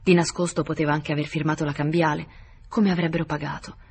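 A man reading a novel aloud in measured scripted narration. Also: on the high side, flat delivery, breathy edge. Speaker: audiobook reader.

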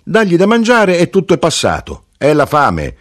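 A blunt, matter-of-fact older mother , as a man reads her lines. Her replies come short and plain, pitched a little above the reader's own husky voice, and they swing widely in pitch. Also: huge pitch swings, normal speed.

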